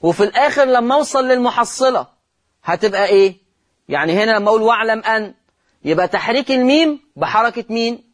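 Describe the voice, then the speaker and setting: Male host of a recitation lesson, Egyptian accent, fairly high voice, repeats terms and draws out words to demonstrate. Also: animated, fast talker. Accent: Egyptian Arabic. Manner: quizzes listeners with repeated rhetorical questions. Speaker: Quran recitation teacher, show host. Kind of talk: televised Quran recitation lesson.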